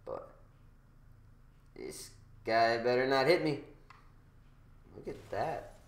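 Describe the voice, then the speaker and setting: A man's voice: medium pitch, big pitch swings, slow pace, vocal fry. A young man with a slangy, heavily profane frat-bro manner, giving casual commentary while playing a game. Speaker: gamer recording a gameplay video. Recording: roomy echo, engine noise behind. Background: racing game car sounds.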